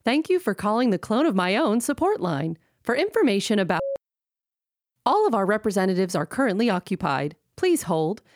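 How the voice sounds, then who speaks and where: An actress voicing a perky phone hold announcer with an upbeat sales pitch. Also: female voice, very animated, normal speed, no echo, clean studio sound, lightly acted.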